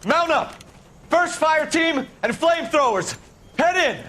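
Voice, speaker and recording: An actor playing a stubborn, impatient Marine officer barking urgent orders in a war video game. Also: male voice, sits high, expressive, brisk. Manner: commanding, urgent.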